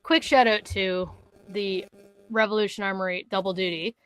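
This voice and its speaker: A woman from Canada co-hosting a podcast, telling a hunting story in casual chat, animated and swearing, acting out other people's words. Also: medium pitch, moderate pace, smooth. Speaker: podcast co-host.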